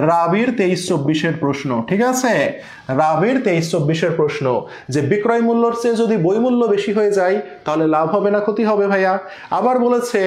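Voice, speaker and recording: A man's voice: high-pitched, reverberant. A man teaching an accounting class, repeating each point and asking rhetorical questions that he answers himself. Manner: repetitive, asks rhetorical questions and answers them; addresses students as brother. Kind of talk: online class lecture.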